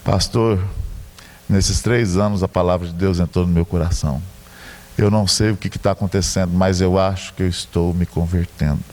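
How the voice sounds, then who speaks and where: A man's voice: low voice, steady tone, moderate pace, a little mellow, long reverb tail, voice pushed down, natural voice. A pastor quoting a tearful woman confessing. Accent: Brazilian Portuguese. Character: tearful woman, former sex worker, confessing.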